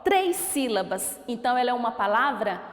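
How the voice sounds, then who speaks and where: In this recorded children's lesson, a lively, high-voiced teacher with a Brazilian Portuguese accent pronounces everything slowly, one drawn-out syllable at a time. She keeps putting questions to her pupils. Her voice rings through an echoey room with long reverb.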